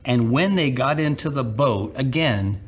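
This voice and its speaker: A man preaching a sermon at an unhurried, deliberate pace. His voice has a husky, slightly breathy edge, and he leans on pauses and acts out the lines he quotes. His pitch sits in an ordinary middle range for a man. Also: animated. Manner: slow, emphatic preaching with dramatic pauses and acted-out quotes. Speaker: pastor.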